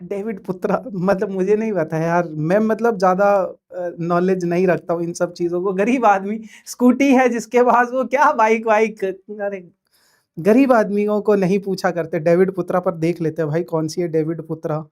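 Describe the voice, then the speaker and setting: A man's voice: high voice, steady tone, normal speed, a little mellow. A man teaching a live online class, chatting and joking as he reads viewer messages aloud. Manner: hesitant fillers.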